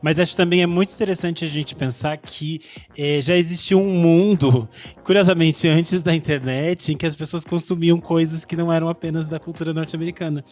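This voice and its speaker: Measured Brazilian man explaining history. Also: on the high side, fairly even intonation, darkish tone. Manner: measured, explanatory with hesitation fillers. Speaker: podcast host. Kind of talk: explanatory commentary.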